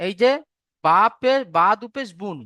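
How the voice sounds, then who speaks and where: A man's voice: high-pitched, lively intonation, measured pace, sharp tone, clear, resonant tone, no echo, clean studio sound. A man teaching Quran recitation in an online class, patiently repeating and spelling out syllables. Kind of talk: online tajweed class lecture.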